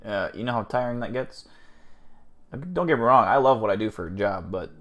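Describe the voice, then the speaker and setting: A man's voice: lowish voice, a little fast, a bit bright, muffled recording. A man hosting a casual livestream, rambling, swearing and joking with his chat. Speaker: livestream host.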